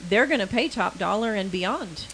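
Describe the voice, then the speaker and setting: A woman co-hosting a morning farm radio show, chatty and quick to exclaim and laugh. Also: medium pitch, expressive, fairly bright tone, a little hiss or hum, poor audio. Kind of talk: casual on-air chat. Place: radio studio.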